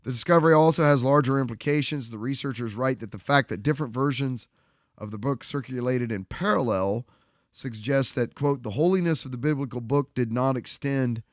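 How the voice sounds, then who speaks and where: A man co-hosting a podcast, reading news items aloud in a halting way. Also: medium pitch, no room sound, studio quality. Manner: halting reader with fillers and restarts. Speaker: podcast co-host. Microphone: studio podcast mic.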